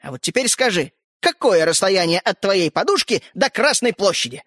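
A man's voice: sits high, big pitch swings, fairly bright tone, no room sound, clean studio sound, heavily acted. A man voicing a touchy boastful tiny fairy-tale man. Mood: urgent. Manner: huffy, lecturing, quick to take offence.

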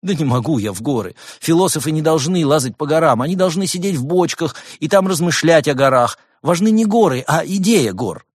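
Man putting on a squeaky whining gopher. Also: expressive, brisk, hardly any pauses, slightly rough, no echo, studio quality. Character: whiny hypochondriac gopher philosopher, male, cowardly.

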